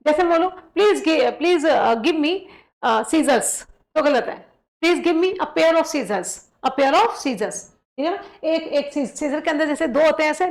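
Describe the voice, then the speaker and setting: A woman teaching an exam-prep grammar lesson, explaining step by step and often checking in with her students while she reads example sentences slowly. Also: sits high, reverberant.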